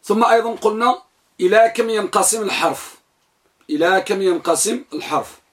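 A man's voice: sits high, brisk. A man teaching a grammar lesson in a classroom. He quizzes his students, echoes their answers back and recites lists of items one by one.

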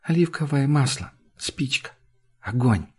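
A man's voice: fairly high pitch, normal speed, dark tone, breathy edge. A man voicing a frightened, hurt young man who speaks barely above a whisper and pleads. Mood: hushed.

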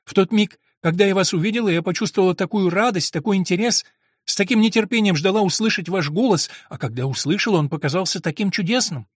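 A man voicing an innocent, trusting young girl in an audiobook, speaking softly and earnestly in a raised voice. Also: high-pitched, quick pace, no room sound, clean studio sound. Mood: tender, earnest. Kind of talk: audiobook reading.

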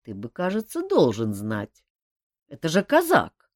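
A twitchy, sardonic wizard , as a woman voices him, muttering his worries in a lowered, dry tone. Close, dry reading. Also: wildly swooping pitch, measured pace, dry recording, heavily acted. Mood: surprised. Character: nervous, sardonic male mage adventurer.

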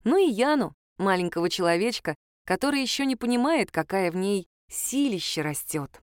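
A woman tells a first-person tale in a lively, wry voice, quick to sound indignant. Her pitch sits in the middle range for a woman. The recording is dry and close, with no room sound. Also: clean tone, no room sound. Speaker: storyteller. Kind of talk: first-person story narration.

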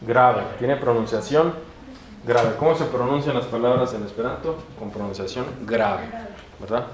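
A man's voice: mid-range voice, moderate pace. A man with a Mexican Spanish accent teaching a pronunciation lesson in an auditorium, spelling out sounds one by one and asking the class questions. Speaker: Esperanto teacher. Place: large university auditorium. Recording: roomy auditorium echo, faint background noise.

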